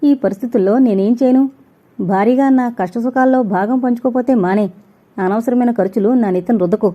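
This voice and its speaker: A woman's voice: on the high side, fairly quick, phone-quality sound, close to an everyday voice. A woman reading the lines of a stern young husband, a doctor who scolds and lectures his wife.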